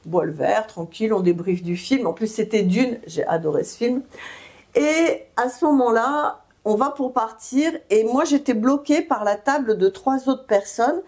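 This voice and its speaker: A woman's voice: a little high, darkish tone. A woman giving self-help advice, explaining steps didactically and often checking in with listeners, with hesitant fillers between phrases. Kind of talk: advice talk to camera.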